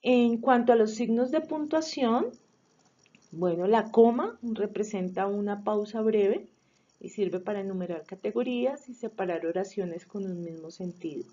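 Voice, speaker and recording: A woman explaining punctuation and accent rules in a measured way, with some hesitations and fillers. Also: mid-range voice, warm tone. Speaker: student presenting a review video. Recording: dull lo-fi sound.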